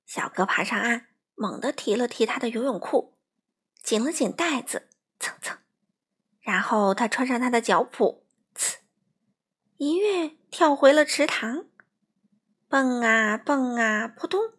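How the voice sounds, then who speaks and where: A woman reading a children's picture book aloud with expressive, bouncy sound words. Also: on the high side, normal speed, husky. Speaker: children's story reader. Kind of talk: storybook narration for children.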